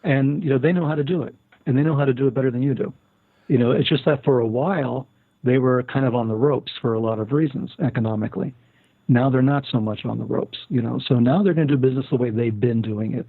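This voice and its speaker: A man's voice: mid-range voice, quick pace, vocal fry, breathy edge, no room sound. An older man talking as a guest, telling stories at length with many fillers and restarts. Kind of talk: casual interview talk. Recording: tinny phone-line sound.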